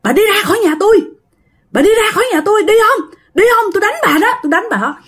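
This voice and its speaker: A woman voicing a possessed husband who yells shrilly. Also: expressive, unhurried, full character voice. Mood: furious. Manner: shrill yelling. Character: possessed husband, screaming and hostile.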